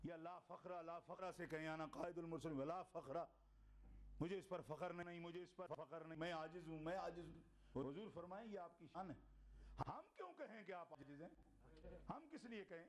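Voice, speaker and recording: A man delivering an impassioned sermon to a gathering, acting out quoted lines and rising to shouts at the climaxes. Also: on the high side. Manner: dramatic, acts out quoted lines, shouts at peaks, teases the audience. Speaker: religious speaker at a Milad gathering. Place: gathering hall with live audience.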